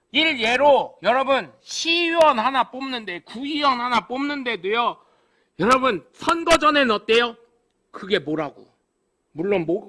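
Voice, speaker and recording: A man preaching a live Sunday sermon as pastor, animated and humorous, with emphatic exclamations. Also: very high-pitched. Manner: animated, humorous, acts out dialogue.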